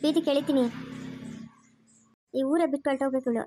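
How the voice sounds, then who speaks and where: A woman's voice: high-pitched, fairly even intonation, brisk, warm tone, slight background noise, natural voice. A woman voicing a distraught, bitter middle-aged village mother. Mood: furious. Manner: wailing laments and angry threats.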